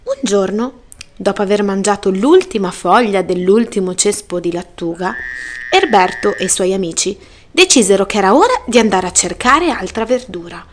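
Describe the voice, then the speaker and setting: A woman reading a children's picture book aloud, gentle and lively. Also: mid-range voice, moderate pace, a little hiss or hum. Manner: gentle, lively read-aloud with voiced characters. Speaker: storyteller.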